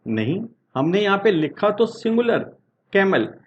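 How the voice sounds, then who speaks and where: A man teaching English grammar in Hindi. He asks his class questions and answers them himself, and reads the example sentences slowly. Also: high-pitched, sing-song, highs cut off, a little hiss or hum. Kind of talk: Hindi-language grammar lesson.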